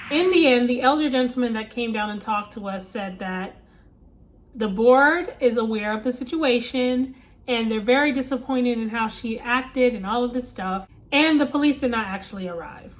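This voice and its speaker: High-voiced woman telling a story. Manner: animated retelling with emphatic asides to viewers. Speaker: vlogger. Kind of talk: casual storytime narration.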